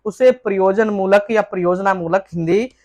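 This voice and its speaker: A woman tutor giving an exam-prep lesson. She poses each question aloud, then reads out a formal, textbook-style answer at a steady, measured pace. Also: mid-range voice.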